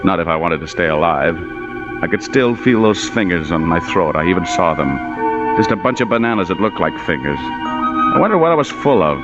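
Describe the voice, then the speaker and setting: In 1940s radio noir, an actor plays a tough, wisecracking private detective, delivering sardonic, clipped lines in a weary, hardboiled mood. His low voice is sing-song at normal speed, on a muffled vintage radio recording with music.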